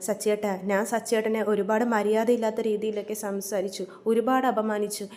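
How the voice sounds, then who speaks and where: A man's voice: high-pitched, little pitch movement, fairly quick, a little mellow, lightly acted. A woman voicing an ashamed young male student begging forgiveness. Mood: apologetic. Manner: apologetic, humble.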